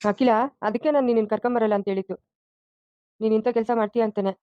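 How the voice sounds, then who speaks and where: A woman's voice: a little high, steady tone, fast talker, no echo, dull audio, lightly acted. A woman voicing a stern father of the house who scolds impatiently in a cartoon. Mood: scolding.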